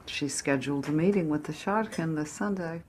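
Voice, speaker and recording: A woman plays a middle-aged mother with a very low voice. She is practical and firm, and her speech is clipped. A faint hiss sits under the dialogue. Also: normal speed, a little mellow, lightly acted. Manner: clipped, matter-of-fact.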